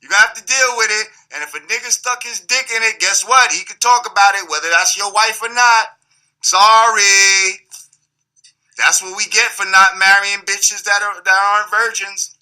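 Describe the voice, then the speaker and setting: A man's voice: high-pitched, sharp tone, poor audio. A man speaking as an interview guest in casual, opinionated talk, blunt and mocking, swearing freely.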